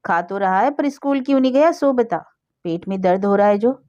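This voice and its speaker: A woman's voice: mid-range voice, expressive, a little fast, mellow, no echo, muffled recording, natural voice. Woman doing an exasperated young housewife. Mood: scolding. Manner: exasperated, scolding. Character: weary, strict young housewife.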